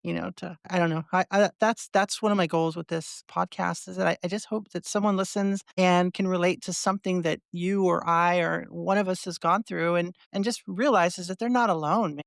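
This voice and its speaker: A woman's voice: lowish voice, fairly even intonation, brisk, gravelly, few pauses, no room sound, clean studio sound. A woman hosting a podcast, chatting casually with a guest and rambling through heartfelt thoughts with many restarts. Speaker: podcast host. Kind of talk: casual interview chat.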